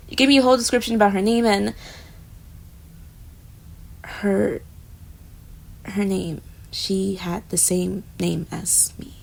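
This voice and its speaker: In this romantic audio roleplay, a young woman voices a jealous, flustered roommate who addresses the listener head-on and drifts off into quiet murmurs. Her voice is mid-range and creaky.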